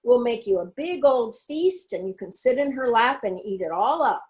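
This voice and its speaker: A man's voice: very high voice, lively intonation, moderate pace, a little mellow. A woman voicing a menacing stocky man with an accent, coaxing children out of hiding in a story reading. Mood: coaxing menace.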